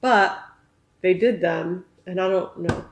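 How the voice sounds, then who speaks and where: A woman's voice: on the low side, slow pace, creaky. Tipsy woman bantering in an echoey room. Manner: tipsy, blunt, interjecting talk. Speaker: movie co-reviewer. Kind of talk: casual banter review. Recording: roomy, echoey sound.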